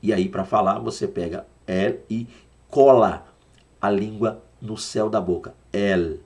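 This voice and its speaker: A man's voice: fairly low pitch, fairly even intonation, a little slow, a little mellow. A Brazilian man teaching a Sunday school Bible lesson, explaining words patiently and repeating them to drill their pronunciation. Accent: Brazilian Portuguese.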